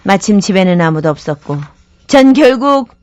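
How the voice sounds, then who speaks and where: A woman radio host reading a listener's letter as expressive first-person comic storytelling. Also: mid-range voice, moderate pace, soft background music.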